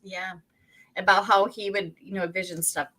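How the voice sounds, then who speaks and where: Bright, chatty woman real estate host. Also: medium pitch, little pitch movement, normal speed, poor audio. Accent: American Pacific Northwest. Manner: rambling, restarts often, laughs a lot. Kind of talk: casual chat.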